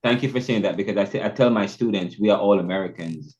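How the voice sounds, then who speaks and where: A man from Jamaica, hosting a podcast interview in an animated way. His voice jumps up in pitch when he asks questions. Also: fast talker. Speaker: podcast host. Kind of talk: conversational interview. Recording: muffled, lo-fi remote audio.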